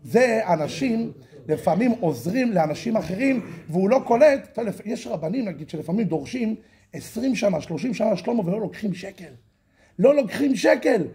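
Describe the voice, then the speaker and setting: A man giving a religious lesson, telling a story with animated delivery and slow, drawn-out moral asides. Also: sits high. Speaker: religious lecturer.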